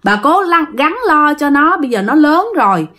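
A woman's voice: high-pitched, big pitch swings, normal speed, fairly bright tone. A woman with a Southern Vietnamese accent telling a ghost story in a chatty way, repeating phrases and talking straight to her listeners. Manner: chatty, repetitive, addresses listeners directly. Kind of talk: casual ghost story narration.

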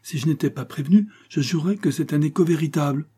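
A man's voice: on the high side, fast, mellow, slightly rough, voice pushed up. A man doing a cautious, fretful wife. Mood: wary, amazed. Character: cautious, worried middle-aged wife.

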